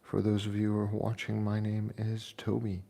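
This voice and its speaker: A man in his forties, a fitness vlogger talking in a casual, unhurried way from his kitchen, pausing often with fillers. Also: fairly low pitch, monotone, gravelly, mellow. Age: 40s. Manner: unhurried, reflective, pauses with fillers. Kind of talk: casual chat. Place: home kitchen.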